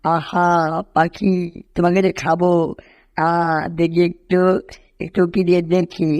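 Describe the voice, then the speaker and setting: A woman's voice: on the low side, little pitch movement, a little slow, darkish tone, natural voice. A woman voicing a hungry, scheming male house cat in a fan cartoon dub, muttering and groaning to himself.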